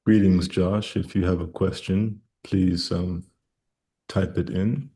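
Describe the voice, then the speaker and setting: A man hosting a live stream, answering viewer questions in a formal, measured way with elaborate vocabulary. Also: deep voice, steady tone, mellow. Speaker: host of a health live stream.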